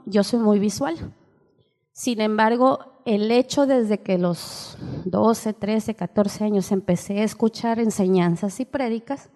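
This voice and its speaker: Older female seminar teacher, mellow tone, explanatory, long reverb of a church hall. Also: medium pitch. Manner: explains while reading aloud, keeps asking ¿sí?. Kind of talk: seminar lecture.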